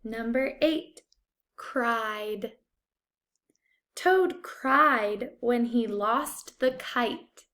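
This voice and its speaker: High-voiced woman dictating very slowly. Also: fairly bright tone. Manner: deliberate, enunciated, repeats single words. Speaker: first-grade teacher. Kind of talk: spelling test dictation, word then example sentence.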